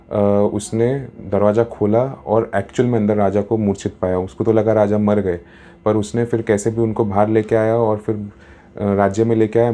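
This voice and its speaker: A man's voice: lowish voice, dark tone. A man telling a story in a casual, chatty way, mixing in English words, as a storyteller and happiness coach.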